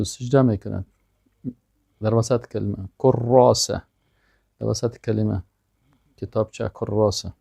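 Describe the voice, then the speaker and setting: A man's voice: medium pitch, creaky, warm tone, dry recording, clean studio sound. A man giving a language lesson, reading each word aloud, repeating it and giving its meaning. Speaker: Arabic teacher.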